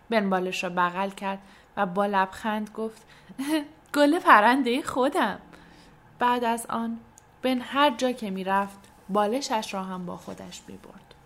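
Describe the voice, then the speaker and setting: A woman reading a children's storybook aloud in a soft, gentle way, sometimes dropping almost to a whisper. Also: mid-range voice. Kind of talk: scripted storybook narration.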